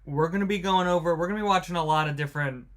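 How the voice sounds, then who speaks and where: Hosting a live watch-along, this man speaks fast in a fairly high, brightish voice, joking around and greeting viewers by name in casual stream commentary.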